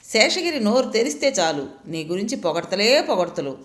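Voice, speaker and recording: A woman playing a cheerful young woman who says what she thinks and teases her friends. Her voice lifts and dips in a lively way. There is an echo in the room. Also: medium pitch, normal speed, lightly acted. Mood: teasing. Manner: frank and teasing. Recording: roomy echo.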